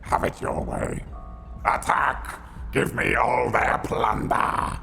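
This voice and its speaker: A man voicing a menacing skeleton ship captain in a tabletop game, with a slow, commanding, raspy skeleton voice. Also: mid-range voice, level tone, pushed and bright, full character voice. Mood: cold, commanding. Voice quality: gravelly rasp. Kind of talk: tabletop game role-play. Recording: music behind the voice.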